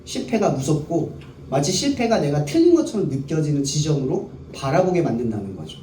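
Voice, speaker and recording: A man's voice: fairly high pitch, big pitch swings, a little fast, mellow. A male pastor preaching a sermon to a youth service, keeping the crowd engaged by asking them questions and answering them himself. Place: worship hall. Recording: echoey room, voice picked up from a distance, faint background noise.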